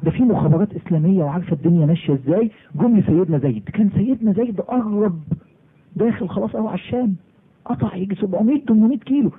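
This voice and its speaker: A man with an Egyptian Arabic accent telling a sermon story, lively and acting out the dialogue. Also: very fast, breathy edge. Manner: animated, acts out dialogue in lowered voice. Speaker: preacher. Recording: phone-like recording.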